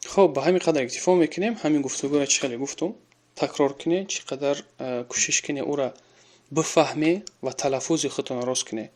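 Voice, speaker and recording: A man with a Tajik accent teaching an Arabic lesson. He reads each Arabic example slowly and carefully, then explains it in his own language. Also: fairly high pitch, a little mellow.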